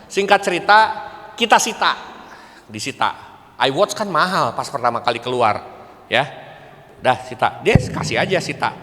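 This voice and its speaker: A middle-aged man giving a lively parenting seminar as an educator, animated, often laughing and acting out parents and students. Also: mid-range voice, moderate pace, long pauses. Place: church hall. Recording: long hall reverb.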